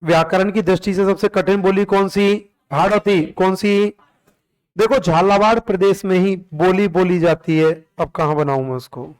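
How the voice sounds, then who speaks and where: High-voiced teacher drilling a class. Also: male voice, fairly even intonation, normal speed. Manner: repeats questions and answers in drills, asks the class to respond. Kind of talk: classroom lecture with call-and-response drilling.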